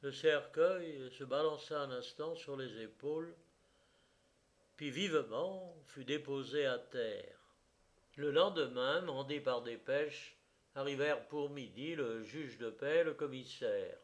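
A man reading a literary story aloud in a measured, expressive narration. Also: mid-range voice.

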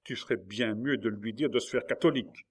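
A man voicing a violent, unstable young king who shouts his lines in fury. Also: mid-range voice, a little fast, breathy edge, natural voice. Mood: weary. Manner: shouting furiously.

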